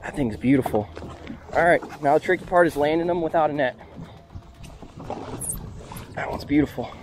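Fishing from a small open flats boat, a young man chats upbeat to the action camera mounted aboard as he works the line. His voice is a little high and his speed normal, set against wind and boat noise outdoors in this casual vlog.

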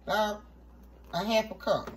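A woman hosts a home cooking show and talks through each step of a recipe. Her pitch sits in the middle, and her manner is relaxed and chatty, with small asides. A faint hiss of room noise sits behind her. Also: a little slow, rough recording. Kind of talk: casual cooking demonstration.

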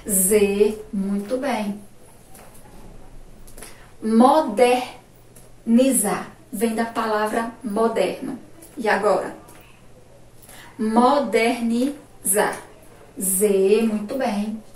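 Speaking slowly in a darkish, mid-range voice with fairly even intonation, a woman teaches primary pupils remotely, stretching out words, posing questions and praising replies. She is from Sergipe, Brazil, with that region's Brazilian Portuguese accent, and she sounds far off in an echoey room with faint noise.

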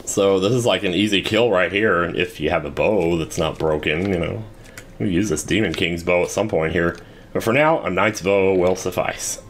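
A man's voice: low-pitched, normal speed, slight background noise. A man giving casual, rambling commentary while playing a video game, with wry asides. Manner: rambling, wry, self-deprecating. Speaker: let's play host.

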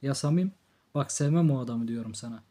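A man's voice: medium pitch, a little fast, mellow, lightly acted. A man voicing a blunt, threatening drunk older brother in an audiobook, in a harsh scolding tone. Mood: brooding. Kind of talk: audiobook character reading.

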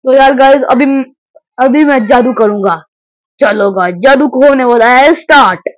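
A gameplay commentator talking in excited, rambling casual commentary, full of restarts and "guys" asides, on a close microphone. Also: sits high, unhurried, no echo, poor audio. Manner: rambling, repeats "arey yaar guys" with many restarts.

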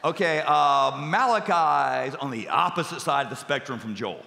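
A man's voice: medium pitch, expressive, normal speed, creaky, pushed and bright. A man preaching a sermon to a congregation as pastor, emphatic, repeating key phrases and dropping jokey asides. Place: church sanctuary with congregation. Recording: echoey hall reverb.

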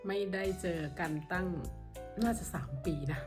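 A woman's voice: mid-range voice, moderate pace, over loud music. A Thai woman in her thirties with a Northeastern Thai accent, telling her own story in a chatty way and acting out the people she quotes. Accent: Northeastern Thai (Isan). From Thailand. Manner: chatty, acts out quoted voices, laughs a lot. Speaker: vlogger. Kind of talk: casual storytelling to camera.

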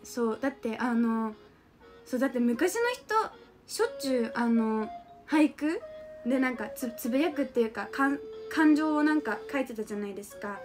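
A high-voiced young woman with a mixed Kansai and Kanto lilt, live-streaming and reading chat aloud. She giggles often and teases her viewers in a chatty, playful way. Faint music plays underneath. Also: expressive, normal speed, darkish tone. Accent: mixed Kansai and Kanto intonation. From Japan.

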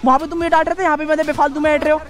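A man's voice: extremely high pitch, flat delivery, very fast, fairly bright tone. A man vlogging, trying to break up a fight and arguing back in exasperated, pleading outbursts. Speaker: motovlogger. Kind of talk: casual vlog argument.

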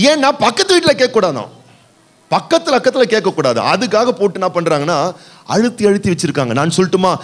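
A male pastor with a Tamil accent preaching a sermon in church, building emphasis through repeated phrases and rhetorical questions. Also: a little high.

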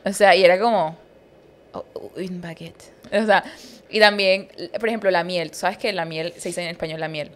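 Young woman on a podcast, expressive, does little impressions in her stories. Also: on the low side, fairly quick. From Colombia. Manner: expressive, imitates accents in anecdotes. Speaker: podcast guest. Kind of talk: casual chat.

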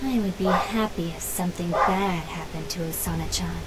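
A woman's voice: on the low side, normal speed, natural voice. A woman voicing a cool, scheming teenage schoolgirl informant in a video game, detached, curt and businesslike. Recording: noisy game playback.

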